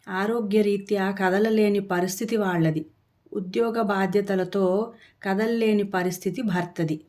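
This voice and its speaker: Woman storyteller, mid-pitched, steady expressive narration of a family tale. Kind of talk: reading a family story aloud.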